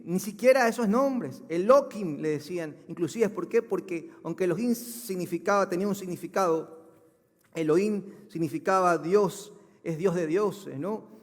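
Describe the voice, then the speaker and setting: A male pastor preaching a sermon, building to loud, emphatic proclamations. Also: sits high, long reverb tail. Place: church hall.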